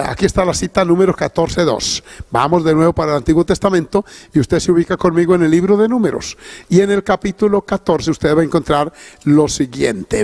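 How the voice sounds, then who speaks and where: A man preaching a sermon with a gravelly, somewhat high voice. He delivers it with emphatic force and keeps breaking in with praise. The recording is close and dry. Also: a little mellow, dry recording. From Colombia. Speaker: pastor.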